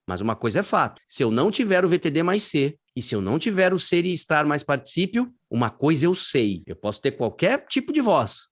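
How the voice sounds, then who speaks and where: Lively Brazilian grammar teacher. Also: male voice, mid-range voice, highs cut off. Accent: Brazilian Portuguese. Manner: lively, slangy, calls on students by name. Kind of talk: live online class.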